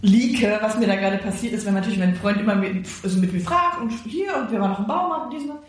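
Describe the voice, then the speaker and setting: A woman's voice: mid-range voice, fast. A woman co-hosting a podcast, telling a story casually and acting out the quoted lines of other people. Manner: lively storyteller who acts out quoted dialogue. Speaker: podcast co-host. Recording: very echoey room.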